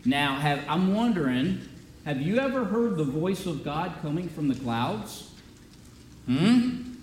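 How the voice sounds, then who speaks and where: A man with a somewhat high voice leads a children's sermon as pastor, chatty and full of questions for the kids. He is picked up from a distance in a roomy church, with a faint murmur behind him. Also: big pitch swings, takes it slowly, darkish tone, slight background noise. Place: church sanctuary.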